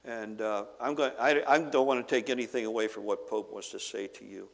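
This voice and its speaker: A pastor preaching a sermon to his congregation, retelling a Bible story with animated, acted-out dialogue. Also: fairly low pitch, a little fast, gravelly. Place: church sanctuary. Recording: long reverb of a large hall.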